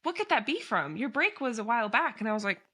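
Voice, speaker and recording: Bright, animated woman podcast host. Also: fairly high pitch, quick pace, breathy edge. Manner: animated, laughs easily, lots of fillers. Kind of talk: casual podcast chat.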